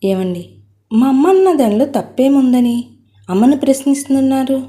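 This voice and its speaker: A woman's voice: high voice, normal speed, warm tone, pitched above the performer's own voice, natural voice. A woman voicing a grown daughter who insists she agrees with her mother. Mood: insistent.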